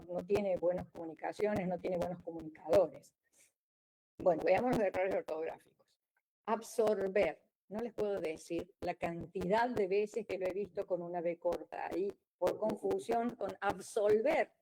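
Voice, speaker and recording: A woman's voice: mid-range voice, dark tone, low-quality recording. A woman giving a conference lecture as a geologist, explaining in a wry way with frequent restarts. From Argentina.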